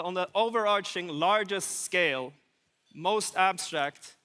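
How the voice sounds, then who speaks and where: A conference presenter from Sweden speaks in a high, smooth voice with a bright, forceful tone. His delivery is laid-back and wry, carried by the long reverberation of a big hall.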